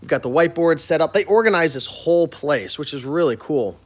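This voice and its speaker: Showing viewers around his warehouse, an American business owner who resells online speaks informally and straight to the camera in a relaxed vlog. He has a fairly high, expressive voice and talks fairly quickly.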